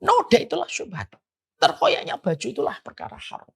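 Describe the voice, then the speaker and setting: A preacher lectures on religion in a high, gravelly, breathy voice at a slightly fast clip. His delivery is animated with a rising and falling rhythm, and he keeps asking rhetorical questions.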